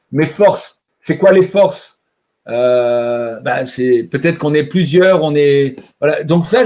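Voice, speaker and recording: A man's voice: a little high, a little mellow. A man presenting an online training webinar, talking over a computer mic and explaining by asking himself questions. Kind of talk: live online training talk.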